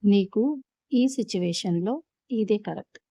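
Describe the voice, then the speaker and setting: A woman's voice: mid-range voice, a little slow, gravelly, dark tone, no room sound. A woman playing a protesting young brother. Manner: protesting, earnest.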